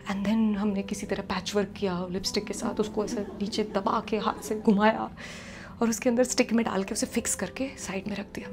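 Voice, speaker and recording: Animated young woman telling a comic story. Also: mid-range voice, normal speed, noisy background. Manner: chatty, animated, mixing in English phrases.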